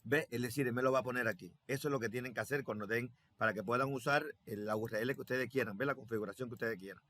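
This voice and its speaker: A man's voice: mid-range voice, fast talker, sharp tone, dry recording. A man teaching a programming tutorial step by step over his screen, repeating himself and thinking aloud with many fillers. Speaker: software instructor.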